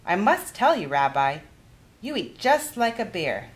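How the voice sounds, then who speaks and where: A hospitable old grandmother from a children's storybook, voiced by a woman reader. She chatters kindly and exclaims freely, her voice lifted high and swinging widely in pitch. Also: unhurried. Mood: chatty, fussing. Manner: animated, exclamatory storybook dialogue.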